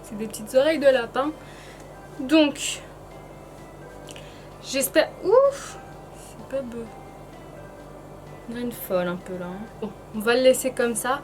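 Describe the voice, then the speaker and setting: A woman's voice: on the high side, moderate pace, pauses often, a little mellow, soft background music. A woman giving a casual, chatty beauty tutorial, hesitant and informal, her speech slightly impeded by painful braces. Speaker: beauty vlogger presenting a tutorial.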